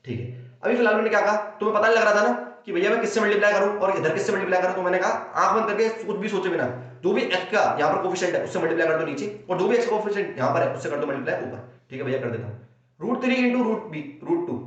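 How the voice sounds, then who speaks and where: A young man with an Indian Hindi accent teaching a fast exam-prep maths lesson, repeating himself and playing out his students' questions before answering them. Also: fairly high pitch. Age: young adult. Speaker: maths tutor. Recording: very echoey, dull lo-fi room sound.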